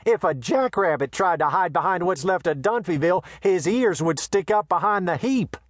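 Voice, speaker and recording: A man voicing a big, brash western saloon owner who talks in a rough folksy drawl and blusters threats. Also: high voice, animated, moderate pace, dry recording, clean studio sound, voice pushed up. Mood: indignant.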